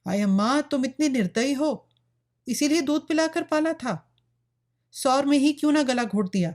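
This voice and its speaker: A woman's voice: on the high side, expressive, unhurried, darkish tone. A woman voicing a young village woman who is defiant and desperate, pleading in a storybook reading. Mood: anguished pleading. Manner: pleading, rebellious.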